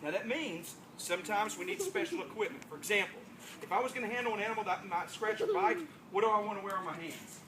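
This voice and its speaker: Sing-song and quick, a medium-pitched voice belongs to a children's entertainer hosting a live show like a party magician. He coaxes the kids into call-and-response and acts out clownish mock surprise, all captured in a noisy room full of loud children and ambient noise.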